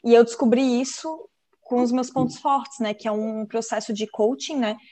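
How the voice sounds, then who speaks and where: A woman's voice: a little high, moderate pace. A woman co-hosting a podcast, chatting casually and acting out film scenes as she tells them. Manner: animated storyteller, acts out film scenes in voices; upbeat, self-described positive person. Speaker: podcast co-host.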